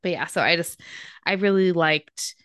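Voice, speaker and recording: A woman's voice: lowish voice, moderate pace, fairly bright tone, smooth, no room sound, studio quality. A woman co-hosting a podcast, chatting casually and gushing about a book's film adaptation with lots of fillers. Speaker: podcast co-host. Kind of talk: casual book and film chat.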